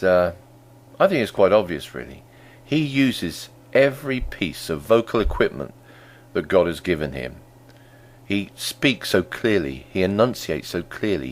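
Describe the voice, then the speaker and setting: A man explaining voice impression technique in a calm, conversational tutorial. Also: sits low. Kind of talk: instructional tutorial.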